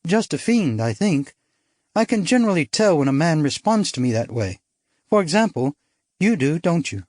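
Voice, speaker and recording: Voicing a daring young upper-class English actress, a male audiobook narrator goes high and light, a little mellow, with big swings in pitch. She comes across arch and playful, teasing and quick with her theatrical wit. The sound is dry and close, with no room sound or echo.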